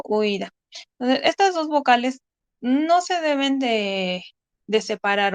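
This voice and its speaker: Woman teacher with a dry, high voice. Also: smooth, no room sound. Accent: Mexican Spanish. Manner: patient, explanatory, with frequent "eh" fillers. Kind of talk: online class lecture.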